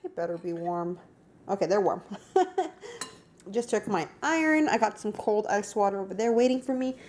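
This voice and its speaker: A woman talks to her camera in a rambling, emotional way, full of fillers and trailing thoughts. Her pitch is middling, and the room around her rings with echo while a faint background noise sits under her voice. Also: expressive, normal speed, a little mellow. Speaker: vlogger. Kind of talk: casual vlog. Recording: echoey room.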